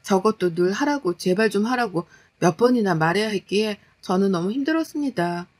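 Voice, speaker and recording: A woman narrating a first-person story in a plain, steady, confessional way. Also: mid-range voice, a little fast.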